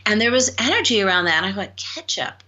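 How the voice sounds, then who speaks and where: An animated woman psychologist answers interview questions with stories, acting out each exchange in her tales. Her voice is bright and forceful. The audio sounds dull and slightly lo-fi. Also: medium pitch, very fast. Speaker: psychologist guest.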